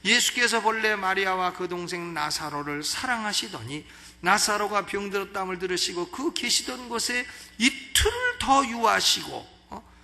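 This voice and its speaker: A male pastor giving an expository sermon at a church service, animated and acting out the voices he quotes. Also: sits high, normal speed. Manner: animated, acts out quoted voices, asks the congregation questions. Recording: long church hall reverb.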